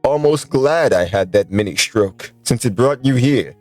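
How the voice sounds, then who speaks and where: A man voicing a kindly, joking old grandfather in a visual novel with a slow, deliberate old-man voice. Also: medium pitch, lively intonation, darkish tone, no room sound, soft background music, close to an everyday voice.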